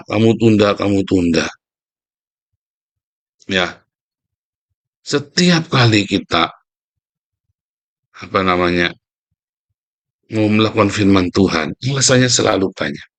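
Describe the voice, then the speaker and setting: Scolding, mocking male preacher. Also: medium pitch. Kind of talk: casual devotional sermon.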